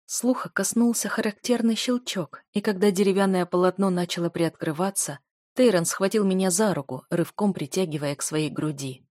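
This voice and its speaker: A woman narrating a first-person romantic fantasy story in a soft, measured way. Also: on the low side, dry recording, studio quality. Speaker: audiobook narrator.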